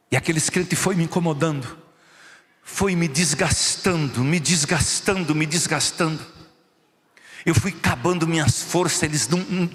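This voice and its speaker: A high-pitched man with a Brazilian Portuguese accent preaches in a church. His voice is bright and forceful, with a long hall reverb around it. He tells his stories with animation and acts out each voice in them. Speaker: pastor. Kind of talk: sermon.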